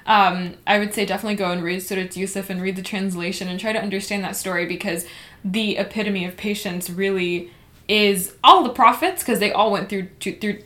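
A woman co-hosts a casual faith discussion podcast, talking earnestly and emphatically and using frequent fillers. Her mid-range voice is a bit bright.

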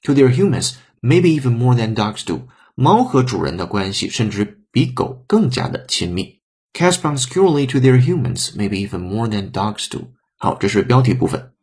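A man's voice: mid-range voice, animated, normal speed, darkish tone, slightly rough. A man teaching an English lesson, breaking sentences down step by step and sometimes spelling words out letter by letter. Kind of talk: explanatory language lesson.

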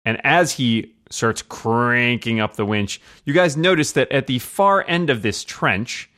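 A man's voice: mid-range voice, measured pace, bright, forceful tone. A man running a tabletop game as game master, narrating casually to the players.

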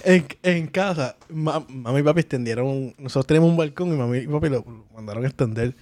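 A man's voice: medium pitch, quick pace, darkish tone, dry recording. A young man co-hosting a podcast, telling stories animatedly with laughs and sound effects. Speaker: podcast co-host. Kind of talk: casual storytelling chat.

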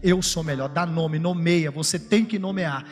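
A man preaching a sermon, swinging between shouted fervor and low, confiding talk. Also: normal speed. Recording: music under, long hall reverb.

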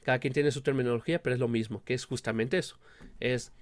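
A man's voice: medium pitch, steady tone, fast talker, dry recording. A man with a Mexican accent and a speech impediment on the R sound, chatting casually as an interview guest and explaining things with frequent check-in tags. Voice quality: speech impediment, cannot pronounce the R sound properly. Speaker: guest, film producer and director.

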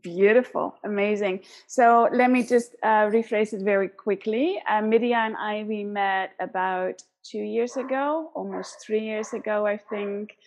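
A woman's voice: medium pitch, measured pace, hardly any pauses, darkish tone. A woman hosting a podcast interview over a remote call, talking in an earnest, reflective way. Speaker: podcast host. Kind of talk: casual interview chat.

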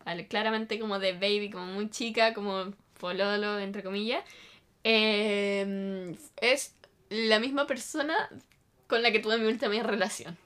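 A young woman with a Chilean accent, chatting casually and telling an animated story, acting out quotes. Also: medium pitch, a little slow, smooth. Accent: Chilean Spanish. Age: young adult. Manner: animated storytelling, repeats for emphasis, acts out quotes. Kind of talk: casual chat.

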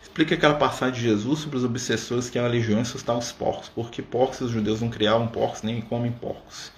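Speaking fast in a steady, mid-range voice, this man leads a casual spiritist study session over a livestream. He keeps a conversational tone and regularly checks on his audience, while the echoey room carries a little background noise.

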